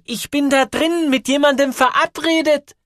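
Man putting on a shrill furious noseless woman. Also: fairly even intonation, moderate pace, no echo, studio quality. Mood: puzzled. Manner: shrill, stretched-out shouting. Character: distraught grown woman with no nose, shouting. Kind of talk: audiobook reading.

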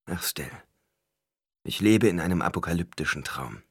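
A man voicing a blinded young ruler, calm and commanding, speaking with measured authority in a deep voice that rises and falls widely. The storybook reading sounds dry and close. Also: husky, no room sound, exaggerated voice.

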